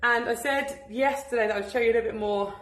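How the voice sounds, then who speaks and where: A woman's voice: fairly high pitch, steady tone, fast, a bit bright, echoey room. A woman chatting casually and cheerfully in a daily vlog at home, laughing often. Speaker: vlogger and business owner. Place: at home, indoors.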